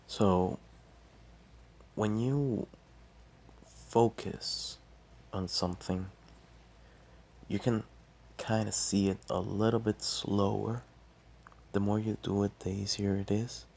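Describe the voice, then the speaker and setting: Deep, gravelly man talking quietly, slowly. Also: fairly even intonation. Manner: quiet, subdued late-night delivery; halting, pausing mid-phrase. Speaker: martial arts vlogger. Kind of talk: casual solo talk explaining fighting technique.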